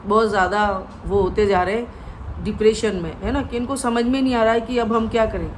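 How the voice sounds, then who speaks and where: A woman's voice: mid-range voice, fairly even intonation, brisk, a little hiss or hum, low-quality recording. A woman giving a gossip commentary vlog in a mocking tone, tagging nearly every sentence with a rhetorical question. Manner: mocking, with constant "है ना?" tags. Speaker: YouTube commentator.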